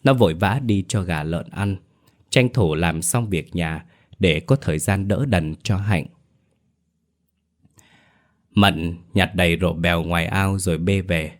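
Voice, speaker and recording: A man narrating a scripted horror story in a measured, steady storytelling manner. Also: low voice. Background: soft background music.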